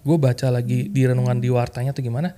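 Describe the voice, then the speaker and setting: Slangy man telling his story. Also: quick pace. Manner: animated, slangy, full of fillers like "kayak" and "gitu kan"; acts out remembered quotes with lively jumps in pitch. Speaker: podcast guest sharing a testimony. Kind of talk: casual storytelling chat.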